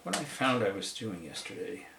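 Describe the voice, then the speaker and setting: Painter talking himself through a demo: low-pitched man, casual and halting, in an echoey room with clatter in the background. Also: sing-song, creaky, sharp tone, a little hiss or hum. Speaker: watercolor painter demonstrating.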